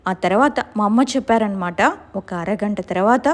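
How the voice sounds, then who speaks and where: A woman's voice: medium pitch, moderate pace. A woman casually telling a real-life horror story in a colloquial, conversational way.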